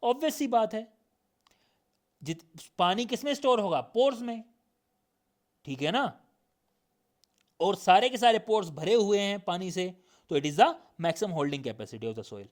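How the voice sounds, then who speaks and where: Man teaching, high voice, slow deliberate delivery, sore throat, reads definitions aloud word by word. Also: big pitch swings. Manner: drills points with repeated questions. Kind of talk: recorded lecture.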